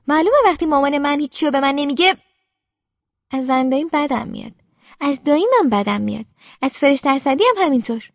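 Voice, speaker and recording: A woman with a very high voice reads an audiobook in the first person as a young girl. Her delivery is quiet, subdued and brooding. The recording is dry and close, and its sound is slightly muffled and dull. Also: no echo. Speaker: audiobook narrator.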